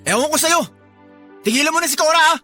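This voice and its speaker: Annoyed husband in a radio drama, kinda high voice, defensive, yelling back. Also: quick pace, faint music behind. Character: exasperated husband caught in an affair.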